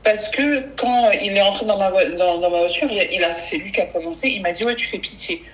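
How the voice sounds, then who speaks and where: A woman's voice: medium pitch, fairly bright tone, poor audio. A woman, a guest on a live stream, tells about a fight with her partner in casual talk, retelling the quarrel line by line. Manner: rushed, retells arguments in quoted speech. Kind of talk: casual storytelling.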